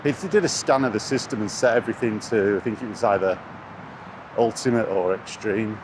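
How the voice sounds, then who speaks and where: A gaming YouTuber speaks fairly quickly in a lowish voice, rambling casually and hesitantly in a laid-back vlog. He records on a handheld camera outdoors, walking near traffic, and the audio is noisy with city and vehicle sounds.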